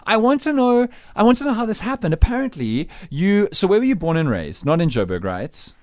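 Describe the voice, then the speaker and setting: A man's voice: sits high, big pitch swings, brisk, darkish tone, no echo, studio quality. Effusive man hosting breakfast radio. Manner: effusive, playful, showman-like introductions. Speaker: radio show host. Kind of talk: upbeat breakfast radio chat. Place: radio studio.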